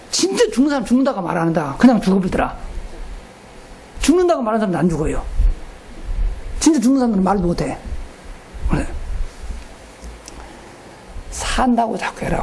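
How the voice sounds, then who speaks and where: A man's voice: very high voice, creaky, mellow, a little hiss or hum. A middle-aged male pastor giving a folksy, joking retreat sermon and asking the congregation questions.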